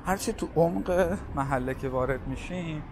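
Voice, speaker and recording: Chatty man narrating a street walk. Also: a little high. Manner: chatty, points out sights and reads prices while walking. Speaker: walking tour vlogger. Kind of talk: casual walking-tour narration. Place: busy city streets outdoors. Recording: street noise outdoors. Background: traffic noise.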